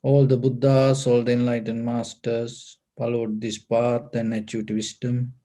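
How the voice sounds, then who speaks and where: In short, calm phrases, a mid-range male voice delivers deliberate instructions while leading a guided meditation as a Buddhist teacher.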